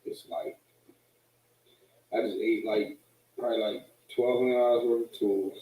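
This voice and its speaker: A man's voice: medium pitch, steady tone, unhurried, dark tone. A man chatting casually in a rambling, repetitive stoner way, with slangy, profane street talk. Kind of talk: casual chat. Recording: echoey room, distant microphone.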